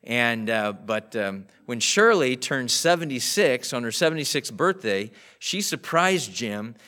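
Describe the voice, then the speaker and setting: A man's voice: medium pitch, animated, measured pace, pushed and bright. A man preaching a sermon as pastor in a church, earnest, acting out the voices in his stories. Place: church sanctuary. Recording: live church stream, voice drifting off mic.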